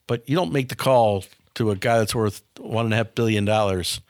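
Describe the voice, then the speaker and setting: A business owner in his fifties from a small town near Milwaukee, US, speaks in a lowish, slightly mellow voice, a little fast. In a casual interview, he answers frankly and often repeats words when starting a sentence. The recording is dry with clean studio sound.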